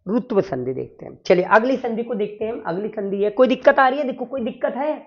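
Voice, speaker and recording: A man's voice: very high voice, expressive, fast, dull audio. A man teaching a Sanskrit grammar lesson, drilling the class with repeated questions and answers.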